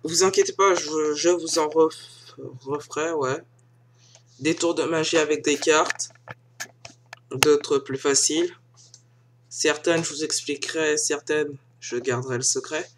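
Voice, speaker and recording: Young male vlogger, slow and halting, a bit high-pitched, self-mocking. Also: fairly even intonation, noisy background. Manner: hesitant, many fillers and restarts; self-mocking, joking asides. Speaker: YouTuber showing film sites. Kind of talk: casual screen-recording tutorial. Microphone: filming with a phone held in one hand.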